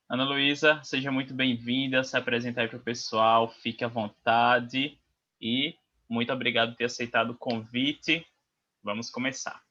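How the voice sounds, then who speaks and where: A man's voice: mid-range voice, pushed and bright. A man hosting a casual interview podcast, asking informal, upbeat questions. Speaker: podcast host. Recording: dull lo-fi mic.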